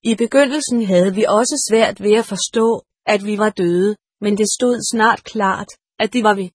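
A woman's voice: mid-range voice, husky, dry recording, studio quality. A woman narrating a story aloud, reading the dialogue with only slight voice changes. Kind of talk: audiobook narration.

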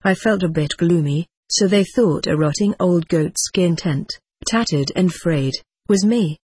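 A man's voice: high voice, measured pace, a little mellow, husky, no room sound. A man reading a first-person adventure story aloud with dramatic expression. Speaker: audiobook narrator.

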